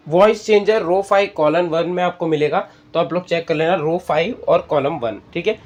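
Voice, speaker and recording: A man with an Indian accent hosts a casual app tutorial, walking through it step by step in a conversational tone and often checking in with listeners. His voice is fairly high-pitched and his pace moderate.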